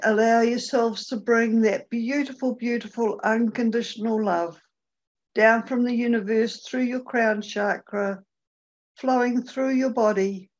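A woman leading a guided meditation, speaking gently and unhurriedly with long pauses. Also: a little high, dull audio.

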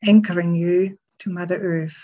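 A woman leading a guided meditation in a soft, breathy, soothing voice, leaving long pauses between short phrases. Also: lowish voice, fairly even intonation, lo-fi sound.

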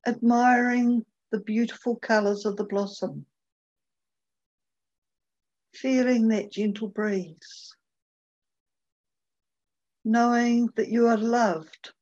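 A woman leading a guided meditation, speaking gently and unhurriedly with long pauses. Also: fairly high pitch, lo-fi sound.

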